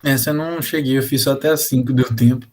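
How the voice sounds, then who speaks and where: A man's voice: mid-range voice, fairly even intonation, fast. A man answering casually as a student in a class, speaking informally and a little self-deprecatingly.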